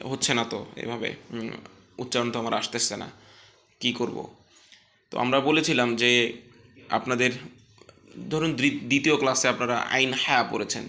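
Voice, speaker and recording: Male recitation teacher, bright tone, patient drill-and-repeat delivery. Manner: patient, repeats each syllable for students to echo; chants drill syllables louder and higher than his explanations. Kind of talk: online recitation lesson.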